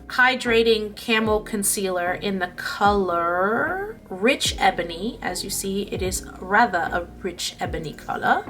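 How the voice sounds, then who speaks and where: A woman's voice: medium pitch, fairly bright tone. A woman chatting playfully through a makeup tutorial, joking to herself as she works. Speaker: beauty vlogger. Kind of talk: casual makeup tutorial chat.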